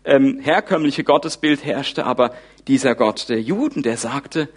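A man preaching a sermon, retelling a Bible story in a lively, informal way and speaking the characters' thoughts aloud. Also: medium pitch, measured pace, husky. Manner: animated, wide swings in loudness.

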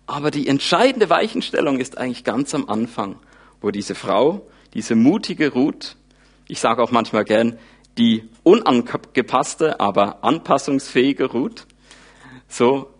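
A man preaching with lively storytelling. He rises to loud peaks and sinks to quiet, intimate asides. His pitch sits in a middle range for a man. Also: husky. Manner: lively storytelling, voices characters' thoughts informally; animated, wide swings in loudness. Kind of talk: sermon.

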